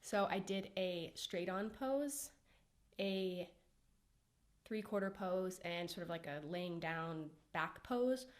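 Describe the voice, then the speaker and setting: A woman's voice: lowish voice, takes it slowly. A young adult woman with a stuffy, congested voice from a cold, chatting casually and a little spacey in a progress update vlog. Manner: chatty, slightly spacey, laughs softly. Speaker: art student vlogger.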